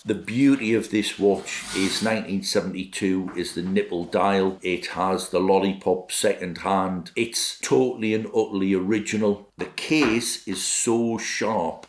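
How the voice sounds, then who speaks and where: A man's voice: sits low, echoey room. A middle-aged man, a vintage watch dealer, musing aloud in chatty, enthusiastic talk to camera. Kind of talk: casual show-and-tell talk to camera.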